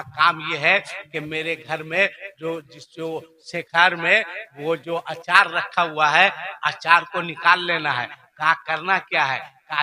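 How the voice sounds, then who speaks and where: A man with a high, very bright voice and a Jharkhand accent delivers a storytelling sermon. He takes his time, lets lines sink to a murmur, then flings them out in high shouts. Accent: Jharkhand Hindi. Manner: swings from hushed murmurs to high shouted outbursts. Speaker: preacher.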